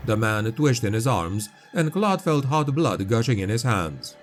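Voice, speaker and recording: A man reading grimdark fantasy as an audiobook narrator, with grave, dark, dramatic storytelling. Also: mid-range voice, big pitch swings, unhurried. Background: music.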